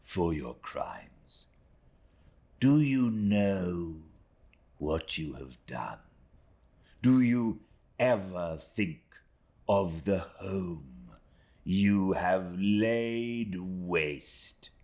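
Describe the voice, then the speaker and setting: A man plays a cold, proud woman, his voice pitched a little above his natural range. He sneers each word with slow, measured contempt, shifting expressively between hushed and sharp tones with big swings in pitch, all in a scornful mood.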